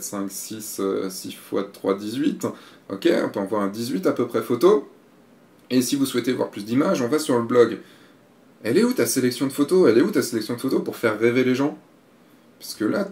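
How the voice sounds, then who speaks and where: A man's voice: mid-range voice, a little mellow, echoey room. A man giving a frank, casual critique of a photographer's website, blunt and given to swearing.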